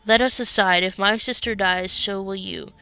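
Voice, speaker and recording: A woman's voice: mid-range voice, fairly even intonation, normal speed, sharp tone, clean tone, dry recording. Overprotective elf brother, fierce and worried, a woman reading him. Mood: threatening.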